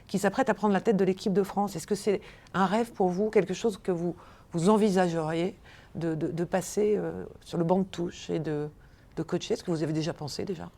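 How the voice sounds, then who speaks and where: Female radio host, low and mellow, halting question style. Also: fairly even intonation, creaky. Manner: halting, many fillers and restarts. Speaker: radio interviewer. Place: radio studio.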